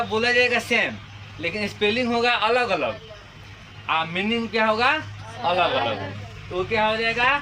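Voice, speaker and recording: A man teaching a class, who dictates definitions slowly and then explains them quickly with questions to his students. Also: high voice. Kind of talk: classroom lesson. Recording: noisy, with traffic sounds outside.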